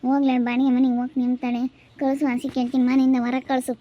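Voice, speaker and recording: A woman's voice: high voice, level tone, rapid-fire, close to an everyday voice. A woman playing a quarrelsome middle-aged village aunt who keeps scolding and accusing. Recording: slightly dull lo-fi recording.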